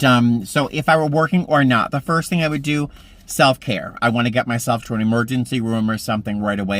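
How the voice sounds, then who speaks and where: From the driver's seat of a parked car, a vlogger in his mid-fifties rambles through stories in a casual chat to camera. His voice is mid-range with a slightly bright tone.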